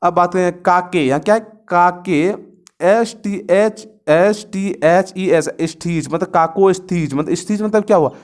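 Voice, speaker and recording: High-voiced man teaching vocabulary. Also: measured pace. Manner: repeats words and asks himself questions; spells words out letter by letter. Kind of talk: online vocabulary lesson.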